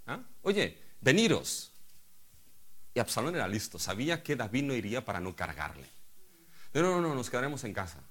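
Dramatic preacher, lively pitch. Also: male voice. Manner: dramatic preaching, swings from hushed to loud emphatic. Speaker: pastor. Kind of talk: sermon.

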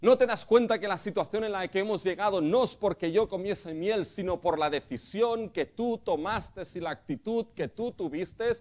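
A man's voice: high-pitched, normal speed, few pauses, darkish tone, pitched above the performer's own voice, lightly acted. A preacher voicing a young son pleading with his father. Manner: pleading, repeated questions.

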